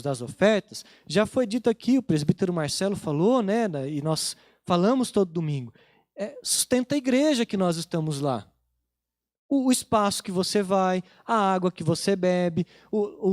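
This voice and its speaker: A Brazilian-accented male pastor with a rather high voice, preaching in a church. He tells his sermon like a casual story, recounting family conversations. The sound is close and dry, with little room echo. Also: darkish tone.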